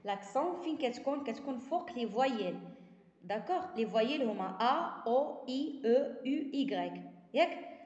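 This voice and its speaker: A Moroccan woman teaches a primary-school lesson, reading each French sentence slowly and then explaining it in a quick run. Her voice sits a little high. The recording rings with long reverb, as in a bare, echoey room. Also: animated, darkish tone, dull audio.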